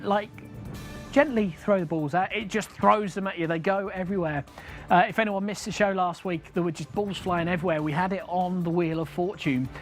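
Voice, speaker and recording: A bingo caller hosting a live game show, chatting casually, repeating each number with its nickname and building suspense. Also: medium pitch. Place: studio. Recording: music behind the voice.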